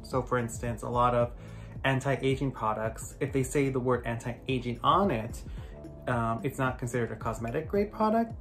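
A man with a raspy voice from allergies, casually reviewing skincare products at home in a chatty, rambling way. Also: mid-range voice. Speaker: skincare vlogger.

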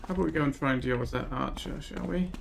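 A man giving casual let's play commentary, musing aloud as he goes, in a creaky voice. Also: medium pitch, quick pace, a little hiss or hum. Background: faint game ambience.

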